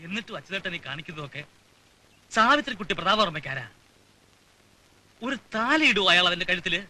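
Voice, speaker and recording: A man's voice: high-pitched, big pitch swings, brisk, pushed and bright, no room sound, heavily acted. An actor playing a grieving uncle who speaks tenderly to his niece and turns indignant with family elders, in a film with a background score. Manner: earnest, reproachful, rising to indignation. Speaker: uncle figure, Unnimaman.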